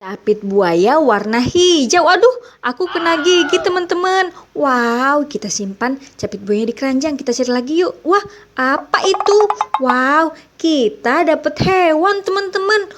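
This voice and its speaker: High-pitched woman, playful kids' party entertainer. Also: lively intonation, measured pace, noisy background. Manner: exclamatory kids' entertainer, like a children's party magician; addresses young viewers as friends, frequent wows. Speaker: children's toy video host. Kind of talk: playful narration for young children.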